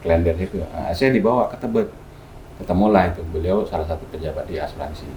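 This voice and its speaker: A man, a guest healer, telling a story in casual chat, lively and acting out the dialogue he quotes. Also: sits low, fast, a little hiss or hum. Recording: echoey room with faint music.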